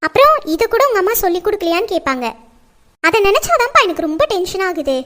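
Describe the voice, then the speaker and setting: Casting: woman as fretful, lecturing mother, very high and piercing, family drama. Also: big pitch swings, quick pace, fairly bright tone, exaggerated voice. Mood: persuading. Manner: scolding, lecturing. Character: nagging middle-aged mother, strict and fretful.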